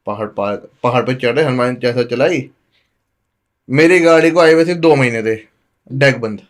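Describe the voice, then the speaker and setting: A young man from Delhi, a podcast guest, tells a story in a casual, animated way. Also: mid-range voice, moderate pace. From Delhi, India. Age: young adult. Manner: animated, acts out quoted dialogue with lively shifts.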